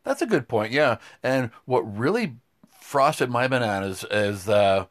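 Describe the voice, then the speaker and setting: A man's voice: medium pitch, measured pace. Indignant middle-aged man. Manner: indignant, animated storyteller. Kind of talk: casual political chat.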